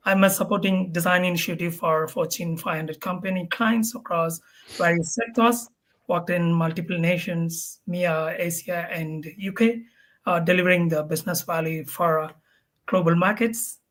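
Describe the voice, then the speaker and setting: A man's voice: high voice, moderate pace, a bit bright. Male panelist, formal delivery, stiff phrasing. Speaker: lead product designer, panel guest. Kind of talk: panel discussion.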